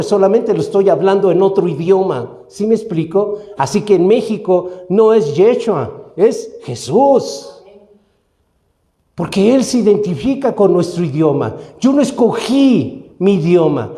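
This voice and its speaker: A man from Mexico preaching as pastor, with a somewhat high but warm, mellow voice. He teaches steadily and keeps checking with his listeners through short questions. The sound carries the echo of a church room. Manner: teaching, asks the congregation questions. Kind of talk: sermon. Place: church hall.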